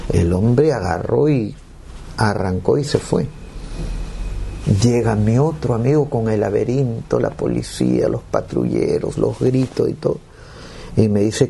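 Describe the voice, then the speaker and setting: A man's voice: mid-range voice, vocal fry, mellow, slight background noise. A man, giving an earnest, emotional personal testimony.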